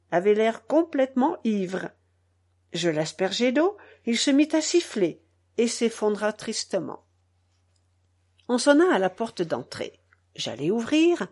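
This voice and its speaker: A woman reading a first-person novel aloud with expressive storytelling. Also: a little high. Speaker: narrator.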